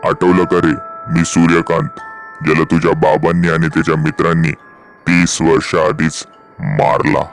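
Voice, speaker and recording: A man voicing a deep, menacing vengeful ghost. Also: level tone, normal speed, faint music behind. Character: vengeful male ghost possessing a young man.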